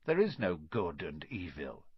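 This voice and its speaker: Audiobook part: man reading a cold, servile wizard villain, husky and animated. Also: deep voice, measured pace, no echo, pitched below the performer's own voice, exaggerated voice. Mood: fearful, devoted. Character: scheming male wizard teacher, cold and servile. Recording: dull lo-fi dry recording.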